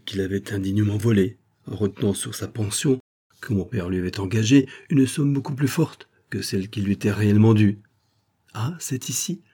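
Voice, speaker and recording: A man's voice: on the low side, mellow, breathy edge. A man voicing a distraught young woman who pleads anxiously for help finding her missing father.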